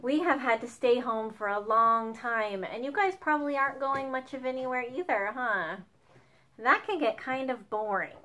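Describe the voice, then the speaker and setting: A young woman leading a children's song lesson at home with a slow, sing-song, cheerful teacher voice. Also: fairly high pitch, sharp tone. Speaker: children's music leader. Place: home dining room.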